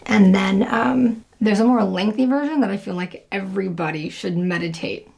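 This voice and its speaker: A woman's voice: medium pitch, moderate pace, gravelly, a little mellow. A young woman talking casually to camera, chatty and full of fillers. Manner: chatty, lots of fillers and laughs. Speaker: video creator.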